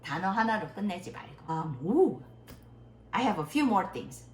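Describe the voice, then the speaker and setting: A middle-aged woman, a native Korean speaker, giving a casual English conversation lesson and stretching out her English examples slowly. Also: mid-range voice, expressive. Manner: slow, drawn-out English demonstrations. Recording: echoey room, faint noise.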